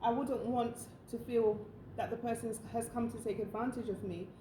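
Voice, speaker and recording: A woman's voice: fairly high pitch, fairly even intonation, normal speed, dark tone. A woman co-hosting a casual chat, talking with frequent fillers. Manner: chatty, many fillers. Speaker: co-host. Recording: echoey room, faint noise.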